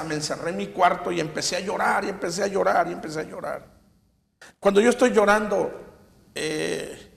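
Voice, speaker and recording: A man giving a personal faith testimony, halting and repeating himself as he retells scenes. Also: high voice, vocal fry, in a large hall. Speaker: testimony giver.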